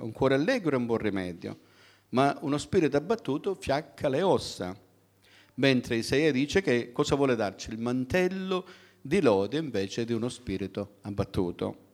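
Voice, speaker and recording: A middle-aged man preaching a sermon in a conversational way, often asking the congregation questions. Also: mid-range voice.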